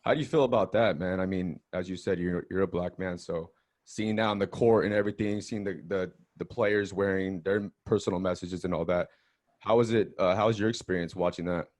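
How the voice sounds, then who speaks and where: This podcast host has a low, a little mellow voice with fairly even intonation, talking a little fast. He's friendly and upbeat in casual interview talk, throwing in slang like "bro" and "dope."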